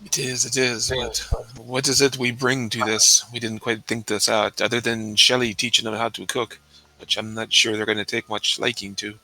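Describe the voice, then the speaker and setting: A man's voice: medium pitch, level tone, moderate pace, sharp tone, poor audio. A man playing a tabletop game, questioning the group and planning aloud. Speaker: player. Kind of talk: casual in-game talk. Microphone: home mic on a voice call.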